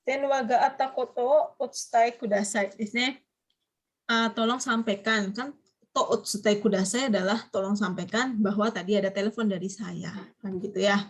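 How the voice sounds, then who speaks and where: Over a video call, an Indonesian woman teaches a business Japanese class, patiently explaining and quizzing her students in an online lecture. Her mid-range voice has fairly even intonation and a normal speaking speed.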